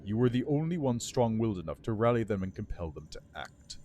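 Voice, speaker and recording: A man's voice: lowish voice, big pitch swings, brisk, dark tone, a little hiss or hum. A man voicing an ancient undead lich from a game, with a dry voice and a pompous, scornful, formal manner. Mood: dismissive. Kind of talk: voiced reading of game dialogue.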